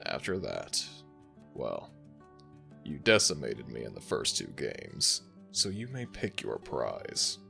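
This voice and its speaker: Voicing Anubis for an ASMR audio roleplay, a man delivers a very deep, gravelly, slow and soothing performance that's bright and forceful in tone, with huge pitch swings and heavy acting. The ancient jackal god comes across as gentle, teasing and fond, affectionate and playfully self-mocking in a warm, playful mood, over soft background music.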